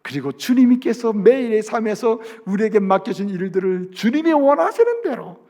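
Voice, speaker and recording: Pastor guy with a really high voice giving a sermon, asks the crowd stuff, goes loud then drops way quiet. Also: big pitch swings, normal speed. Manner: preaching with rhetorical questions to the congregation; swings from loud emphasis to soft low asides.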